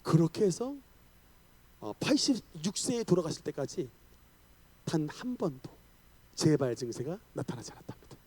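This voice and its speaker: A male pastor preaching a sermon, telling a story with energy and bursting into loud declarations. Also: on the high side, moderate pace, pauses often, husky. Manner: animated storytelling, shouting declarations. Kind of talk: revival sermon.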